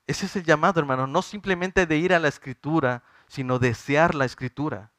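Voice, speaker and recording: A man's voice: a little high, brisk, fairly bright tone, no echo, studio quality. A man in his thirties preaching a sermon, earnestly questioning the congregation and building in fervor.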